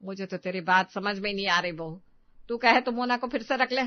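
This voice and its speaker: A woman's voice: mid-range voice, fairly quick, no room sound, close to an everyday voice. A woman voicing a fussy, caring middle-aged mother-in-law who coaxes and scolds in a dull, dry recording. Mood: fussing. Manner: coaxing, scolding.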